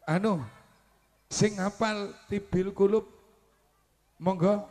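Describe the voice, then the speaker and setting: A man with an East Javanese accent banters playfully with the crowd as preacher and emcee. His voice is notably high, and he takes his time. He teases people and laughs often. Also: fairly even intonation, slow, a little mellow.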